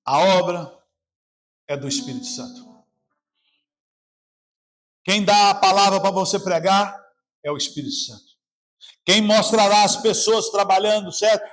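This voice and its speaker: A man with a Brazilian Portuguese accent, preaching a sermon as pastor, swinging between shouting and a quiet, lowered voice. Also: unhurried, long pauses. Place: church service.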